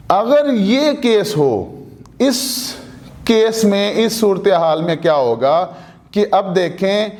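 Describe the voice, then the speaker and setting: A male teacher explains language rules in a high, unhurried voice. He poses a question to his class, then answers it himself, repeating each example word slowly and mixing in English terms. His first language is Urdu. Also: darkish tone.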